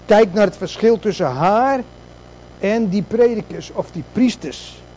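A man's voice: high-pitched, animated, measured pace, mellow, dull audio, a little hiss or hum. A man preaching a sermon, asking rhetorical questions and repeating words for emphasis.

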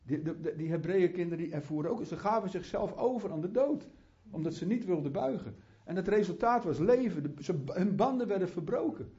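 A man's voice: high-pitched, animated, a little fast, few pauses, mellow. A man preaching a sermon in a fervent, conversational way, with chatty asides and restarts, often rising into heartfelt prayer. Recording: muffled lo-fi sound.

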